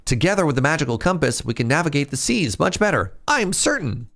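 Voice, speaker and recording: A man voicing an eager young male advisor in a high, squeaky chipmunk voice while reading game dialogue aloud. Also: very animated, brisk, vocal fry, a bit bright, exaggerated voice. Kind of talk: let's play voice acting.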